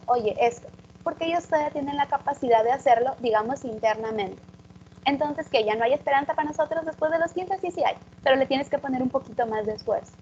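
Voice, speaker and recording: A woman's voice: high-pitched, a little mellow, dull audio, slight background noise. A woman, an English teacher giving a public talk and explaining things directly to her audience.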